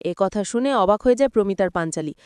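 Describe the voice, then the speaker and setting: A woman narrating a storybook retelling of a TV serial in a steady, matter-of-fact way. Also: mid-range voice, quick pace, clean tone, dry recording, studio quality.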